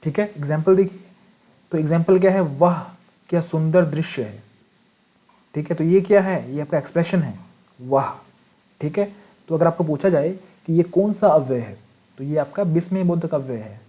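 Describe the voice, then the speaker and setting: A male teacher with a slightly high but mellow, warm voice gives an online exam-prep grammar lesson. He writes on a board as he explains. He keeps asking rhetorical questions and checks in with the class after each point. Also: brisk, dull audio. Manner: repeats rhetorical questions and "ठीक है" to check understanding.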